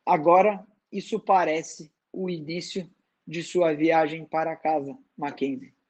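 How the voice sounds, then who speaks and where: A wise, serene woman, read by a man with a high voice in a dramatized book reading. She speaks softly and slowly but never gives ground. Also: steady tone. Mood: gentle, firm. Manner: soft, slow and firm. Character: calm wise woman, gentle and insistent.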